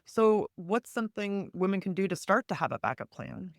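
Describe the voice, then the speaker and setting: A woman's voice: medium pitch, animated, moderate pace, no room sound. A woman hosting a podcast interview, affirming her guest and asking curious questions. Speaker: podcast host.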